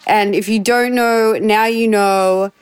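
A woman's voice: mid-range voice, steady tone, slow pace, clear, resonant tone, faint music behind. A woman hosting a radio show, chatting casually with a guest, bubbly and joking as she goes. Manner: bubbly, laughs often and jokes around.

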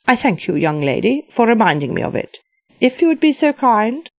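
A woman's voice: fairly high pitch, very animated, moderate pace, darkish tone, dry recording, studio quality, pitched above the performer's own voice. A woman voicing an imperious elderly widowed queen who speaks formally and with disdain.

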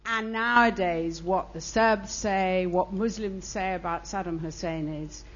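A woman's voice: fairly low pitch, a little slow, muffled recording. A woman from the audience explaining a view before asking her question at a public debate.

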